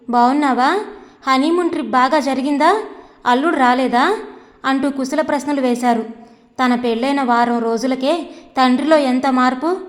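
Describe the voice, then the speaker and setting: Woman storyteller, high voice, long hall reverb, even measured reading. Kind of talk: reading a novel aloud.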